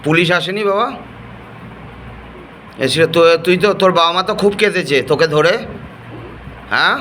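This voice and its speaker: A man speaks in a soft, coaxing way, repeating endearments as he gently questions someone. His voice sits a little high. A faint hum of noise runs behind him. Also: normal speed. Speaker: assistant at an exorcism ritual. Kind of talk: coaxing questioning of a possessed person.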